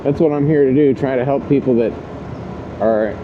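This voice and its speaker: A man's voice: mid-range voice, moderate pace. A man chatting casually to his viewers as a delivery rider, rambling and thinking aloud while riding a scooter outdoors. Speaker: delivery rider hosting his own video channel. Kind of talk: casual vlog chat while working. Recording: dull audio, loud outdoor road noise.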